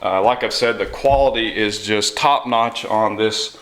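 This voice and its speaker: A man's voice: on the low side, a little slow, fairly bright tone. A man giving a casual, hands-on tutorial in a workshop, explaining things in an informal way. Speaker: knife sharpening tutorial host. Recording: echoey workshop room.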